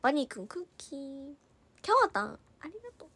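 High-voiced young woman chatting on a livestream. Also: expressive, a bit bright, dry recording. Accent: Hiroshima dialect in places. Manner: chatty, quick-talking, reads viewer comments aloud and thanks them. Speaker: idol livestreamer reading comments. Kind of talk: casual livestream chat.

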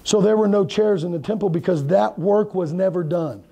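A man's voice: sits high, moderate pace, vocal fry, mellow, husky. A middle-aged man preaching a sermon in a church hall, talking conversationally and putting questions to his congregation. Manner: moves around and gestures while preaching. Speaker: pastor. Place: church hall with a projection screen.

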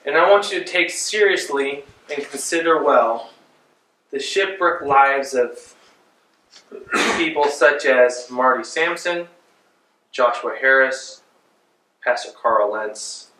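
Speaking slowly with frequent pauses, a medium-pitched pastor in his forties gives a loose, conversational sermon from the pulpit of a small church, hands animated with gestures. The audio comes from a far camera mic, with roomy church echo.

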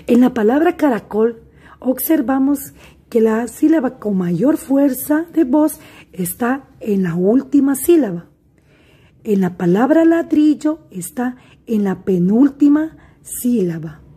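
In a recorded remote class lesson, a primary school teacher speaks to her pupils directly in a slow, deliberate way. Her husky voice is on the high side, dark in tone, with lively intonation.

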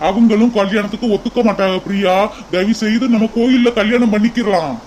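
Voice actor doing a cartoon young man, mid-pitched, coaxing, earnest. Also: a little fast, a little mellow, slight background noise, natural voice, rough recording. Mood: earnest pleading. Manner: coaxing, keeps repeating her name. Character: earnest young man urging his sweetheart. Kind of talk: cartoon voice acting.

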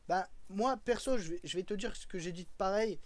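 Young french guy streaming, kinda high voice, rambly, laughs a lot, chats w viewers. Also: brisk, no room sound. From France. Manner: chatty, rambling, laughs often, greets and answers chat. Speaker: YouTuber and live streamer. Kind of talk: casual live-stream chat with viewers.

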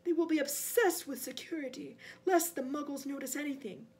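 A cold, imperious dark lord from a storybook, voiced by a woman, weakened yet full of menace. The voice sits high and moves deliberately, with a breathy hiss creeping in. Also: close to an everyday voice. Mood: contemptuous, suspicious. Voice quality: breathy, hissing whisper at times.

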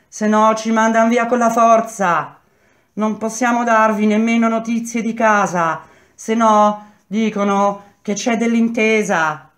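A woman voicing a desperate young wife loudly calling up to the prison bars. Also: on the high side, voice pushed up, lightly acted. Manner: loud calling, straining.

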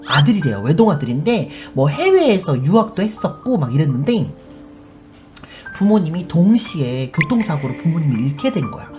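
A woman with a deep, mellow voice hosts a live stream, chatting casually as she tells a story and acts out its people. Background music plays under her voice.

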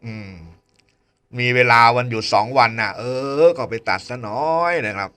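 A man's voice: fairly low pitch, fairly even intonation, normal speed, pushed and bright, clear, resonant tone. A man with a Northern Thai accent hosting a local radio news show, chatting casually and tacking polite particles onto nearly every phrase. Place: radio studio.

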